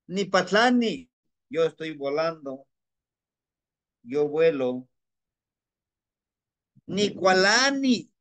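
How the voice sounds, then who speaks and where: A man's voice: fairly high pitch, no room sound. A man teaching a class, patient and repetitive, often checking in with his listeners. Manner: patient, repeats words and checks in with "¿no?". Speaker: language teacher. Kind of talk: online class lecture.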